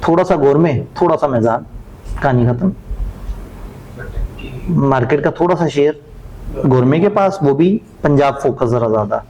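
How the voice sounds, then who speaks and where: A man's voice: a little high, expressive, normal speed, pauses often, warm tone, low-quality recording. Man lecturing a class. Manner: conversational, asks rhetorical questions and answers them.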